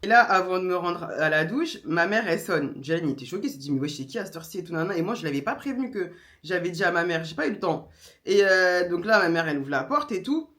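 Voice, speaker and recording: A young woman vlogger, telling a story in a casual, animated way and acting out the others. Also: lowish voice, fast talker. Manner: animated, slangy, acts out voices of others.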